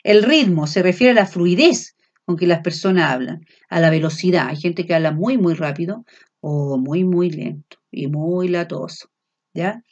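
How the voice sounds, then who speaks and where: A woman with a Chilean accent teaching a language class, often checking in with her students and filling pauses as she explains. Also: fairly low pitch, muffled recording. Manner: frequent checks of "¿ya?" and fillers; speaks loud without shouting. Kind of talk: classroom lecture.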